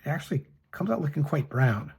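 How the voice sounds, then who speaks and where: A middle-aged man casually reviewing fountain pens and inks, talking in a soft, hesitant way with many fillers and restarts. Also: on the high side, animated, brisk, vocal fry, breathy edge. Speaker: pen and ink reviewer. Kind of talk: casual show-and-tell review.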